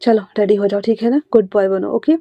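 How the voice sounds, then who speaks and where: Woman doing a soft-spoken gentle young man. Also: fairly even intonation, a little fast, dry recording, natural voice. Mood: tender. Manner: soft, low and hushed. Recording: dry, slightly muffled.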